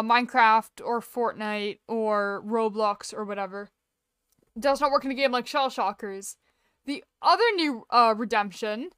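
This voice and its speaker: A rambling, chatty woman streamer talks over her game, her voice a touch high and smooth. It comes through a heavily compressed mic, and the sound is dry and close with no room around it. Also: a bit bright, no room sound. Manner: chatty, rambling, self-deprecating asides. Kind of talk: casual live-stream chat while gaming. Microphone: desk mic with software compressor.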